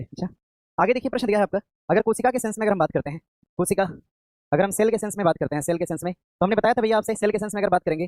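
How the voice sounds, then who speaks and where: A man's voice: high voice, a little mellow, dry recording. A male coaching teacher giving an exam-prep lecture, asking his own questions and answering them, repeating each key term to a class that is also streamed online. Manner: repeats key terms again and again.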